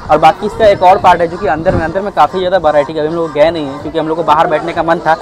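A man's voice: on the high side, level tone, very fast, a crowd in the background, poor audio. A young Indian man hosting a casual food vlog on an outdoor rooftop through a clip-on lapel mic, saying "theek hai" after nearly every sentence. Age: young adult. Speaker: food vlogger.

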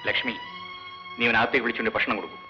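An actor playing a brisk, commanding male official who gives orders. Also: mid-range voice, lightly acted. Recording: dull old film soundtrack with music.

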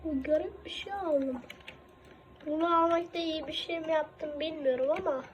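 A woman chatting excitedly to herself as she plays a computer game, narrating her moves and reacting out loud. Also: high-pitched, normal speed. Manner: chatty, excitable, talking to herself while playing. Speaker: gaming video creator. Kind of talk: casual gameplay commentary. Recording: dull lo-fi with faint noise.

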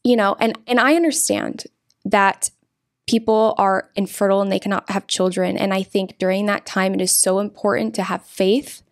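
Guesting on a studio podcast, a young pro-life activist speaks about her faith with earnest emphasis in a steady, mid-range voice at a normal speed. The interview takes place in a green-curtained studio, with her close to a boom-arm desk mic.

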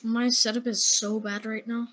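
Young guest gamer, high voice. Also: male voice, little pitch movement, moderate pace, fairly bright tone. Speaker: gaming youtuber, guest. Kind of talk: casual gameplay chat.

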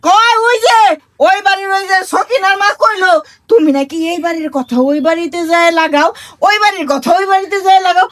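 A woman playing a loud, meddling village mother-in-law. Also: extremely high pitch, brisk, no echo. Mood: gossiping. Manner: loud, scolding, quarrelsome, shouting often. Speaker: comic actor. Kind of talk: comedy skit acting.

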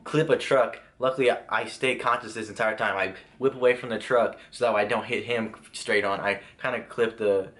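A man's voice: on the low side, fairly even intonation, a little fast, hardly any pauses, a bit bright. A young man casually telling a personal story, rambling with restarts and lots of filler words. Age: young adult. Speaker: vlogger.

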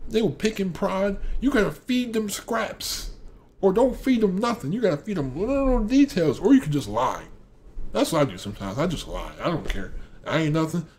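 A young man ranting casually to camera, preachy, repeating phrases and acting out other people's voices. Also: a little high. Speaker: vlogger giving life advice.

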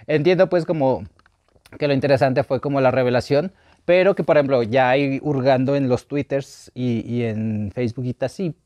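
A young man with a Mexican accent chatting campily about a drag show, gossipy and expressive. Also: mid-range voice, moderate pace, no room sound, lo-fi sound. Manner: campy, gossipy, expressive with big laughs. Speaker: drag reality show panelist. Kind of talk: casual chat.

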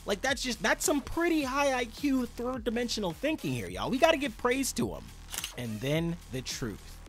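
A man hosting a casual manga chapter review, chatty and animated, often calling his viewers y'all. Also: extremely high pitch, normal speed, faint music behind. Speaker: manga review channel host.

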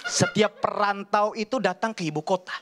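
High-voiced rambling stand-up comedian man. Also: moderate pace, loud music behind the voice. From Kalimantan, Indonesia. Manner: animated, rambling, chatty slang delivery. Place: large TV studio stage. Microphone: handheld microphone.

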